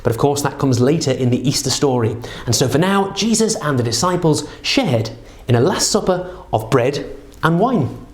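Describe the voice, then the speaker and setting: A man's voice: a little high, sing-song, normal speed, roomy sound. A man presenting to children like a kids party magician, with jokey, theatrical patter in a scripted show.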